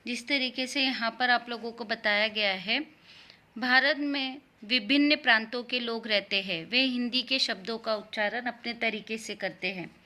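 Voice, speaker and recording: A woman teaching a Hindi grammar lesson to young children, explaining patiently and repeating words slowly for her pupils. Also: a little high, pushed and bright.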